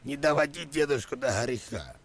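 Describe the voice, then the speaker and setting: Deadpan, drawling prank-calling man. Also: a little high, creaky, crowd noise. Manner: slow, drawling and deadpan, repeating himself stubbornly. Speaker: prank caller. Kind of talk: prank phone call.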